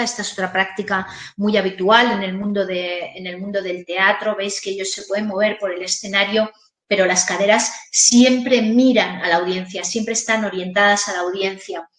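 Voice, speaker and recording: A woman giving a webinar lecture on voice use for teachers, in a lively, demonstrative way. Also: medium pitch. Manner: lively, demonstrative, varies intonation. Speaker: voice and communication trainer. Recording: roomy echo.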